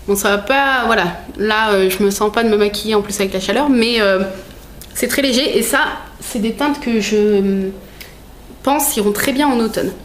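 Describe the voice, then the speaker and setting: This mid-range female voice moves at a moderate pace as she opens gifts at home and talks in a loose, rambling way full of fillers and self-corrections. She laughs a lot and teases playfully, and the audio carries a roomy echo with slight hiss or hum.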